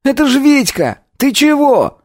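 A man voicing an agitated young man in an audiobook, loud and upset. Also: very high voice, very animated, a little slow, no room sound, studio quality, pitched above the performer's own voice, heavily acted. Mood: alarmed. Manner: agitated, shouting.

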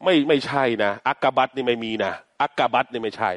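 A man teaching Quran recitation, chanting Arabic verses slowly and explaining pronunciation patiently in Thai. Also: mid-range voice, no echo. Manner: slow, patient, demonstrates sounds repeatedly, chants verses.

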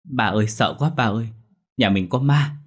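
A man's voice: fairly low pitch, animated, moderate pace, a little mellow, breathy edge. A man voicing a frightened teenage girl who pleads in a trembling way in a ghost story reading.

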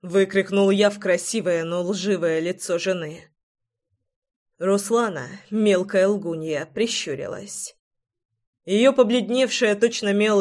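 A woman narrating a romance audiobook in the first person, with an emotional, dramatic reading. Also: mid-range voice.

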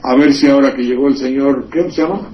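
A man's voice: mid-range voice, fast talker. A Mexican man at a studio microphone wanders through sardonic political commentary, full of asides and wordplay. His voice sits in a middling register. The radio recording sounds slightly dull and lo-fi. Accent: Mexican Spanish.

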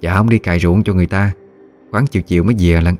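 Timid stammering young delta wife, voiced by a man, a touch higher than his own. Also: fast talker, darkish tone, soft background music, close to an everyday voice. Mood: polite. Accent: Mekong Delta Vietnamese. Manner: hesitant, stammering, polite.

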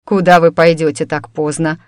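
A woman reading an audiobook voices a self-assured male mentalist investigator who talks in a languid, unhurried drawl. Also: low voice, level tone, a little mellow, smooth, dry recording, close to an everyday voice. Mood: cool.

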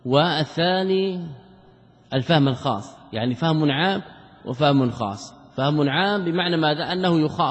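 A man teaching a classical religious text. He poses rhetorical questions, answers them himself, and repeats key phrases for emphasis. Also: mid-range voice. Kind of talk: religious lecture commentary. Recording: dull lo-fi sound with long hall reverb.

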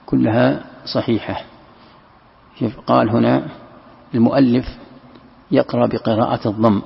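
A man's voice: medium pitch, gravelly, breathy edge. A male scholar giving a commentary lesson, explaining and repeating phrases for emphasis. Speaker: Islamic scholar teaching Quran commentary. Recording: lo-fi lecture recording in a reverberant hall.

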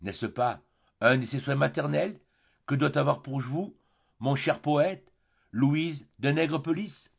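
Man reading as a snooty noble lady writing a letter, formal and measured, raspy gravelly voice. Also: on the high side, highs cut off, heavily acted. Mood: haughty. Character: proud provincial noblewoman, guarded and condescending.

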